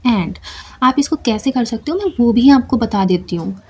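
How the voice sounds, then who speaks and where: A woman's voice: fairly high pitch, animated, normal speed, darkish tone, breathy edge. A young woman giving a casual, chatty lesson, repeating phrases and often checking that listeners follow. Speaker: manifestation coach. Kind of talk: casual instructional talk to camera.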